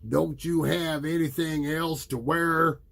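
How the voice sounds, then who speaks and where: A man's voice: a little high, steady tone, slow, vocal fry, fairly bright tone, voice pushed up, exaggerated voice. A man voicing a taunting schoolboy bully while reading a storybook to a young child.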